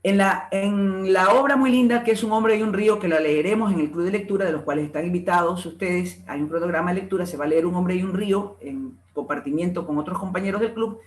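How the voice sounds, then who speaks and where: A man giving a conference lecture at a reading club, explaining his points and repeating example words to show how they are pronounced. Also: high-pitched. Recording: echoey room.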